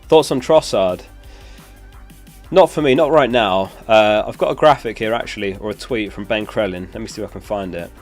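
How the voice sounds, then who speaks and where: With soft music in the background, a young streamer host speaks at a normal speed in a fairly low-pitched voice. He's chatting casually on his live stream and answering chat's questions, still recovering from a lost voice.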